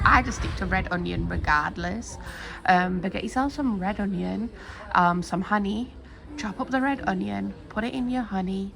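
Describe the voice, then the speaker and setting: A young British woman from the United Kingdom vlogs indoors at home, rambling casually to her phone camera held at arm's length with lots of ums. Her mid-range voice is gravelly, and the phone video recording picks up background noise.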